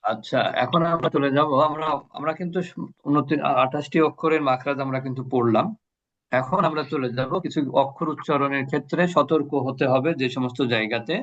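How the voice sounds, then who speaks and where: A man's voice: medium pitch, fairly quick, fairly bright tone. A male Quran recitation teacher giving an online class, patiently drilling sounds and asking his students questions. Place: online video call. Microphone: video call mic. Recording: muffled video-call audio.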